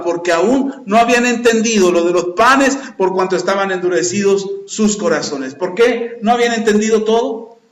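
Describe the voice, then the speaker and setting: Animated pastor in echoey church. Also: male voice, high-pitched. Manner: animated preaching, acting out voices. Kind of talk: sermon.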